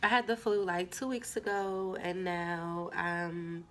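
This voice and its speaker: Speaking slowly and flatly in a voice on the low side, a stuffy-nosed woman gives a casual tarot reading straight to her viewers. She's chatty and leans on fillers, and there's a bit of hiss or hum in the audio.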